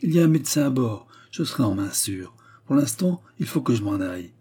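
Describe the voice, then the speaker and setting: A man voicing a feverish, restless young gentleman who talks in agitated, breathless bursts in an audiobook. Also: medium pitch, big pitch swings, a little fast, slightly rough. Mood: brushing off worry. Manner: agitated, breathless, rambling speech. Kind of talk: audiobook character reading.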